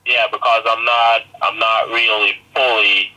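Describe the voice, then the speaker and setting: A man with an Indian accent pushing a scripted pitch on a phone call, halting and repeating himself as he insists. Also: little pitch movement, sharp tone. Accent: Indian English. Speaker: phone scammer posing as a government agent. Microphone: telephone. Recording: noisy phone line.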